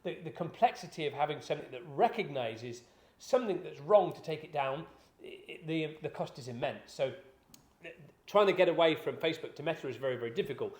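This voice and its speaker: A man's voice: fairly high pitch, lively intonation, brisk. A man talks business casually, his slightly raised voice wandering through fillers and restarts. The room adds a noticeable echo around him. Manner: rambling, conversational, many fillers and restarts. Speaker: business podcast host. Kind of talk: casual explanatory chat.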